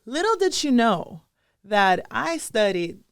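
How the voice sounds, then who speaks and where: A young woman with a Russian accent tinged with British English chats as a podcast guest. Her voice is smooth and resonant, and the sound is close and dry. She rambles in a friendly way, with lots of "like" and "um". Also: on the high side, very animated, slow, no room sound. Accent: Russian, with some British English. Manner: chatty storyteller, many "like" and "um" fillers. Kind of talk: casual interview chat.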